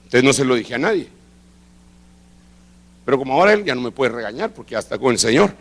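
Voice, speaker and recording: A middle-aged man preaching, telling a testimony with lively acted-out dialogue. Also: medium pitch, fast talker. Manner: animated storytelling, acting out quoted dialogue. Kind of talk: sermon testimony. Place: church service.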